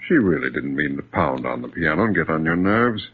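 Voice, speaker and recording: An actor playing a gentle, patient father in a 1940s radio drama, on a tinny old recording. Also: rumbling low, expressive, brisk, slightly rough, full character voice. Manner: soothing, patient. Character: gentle doting father, adult man.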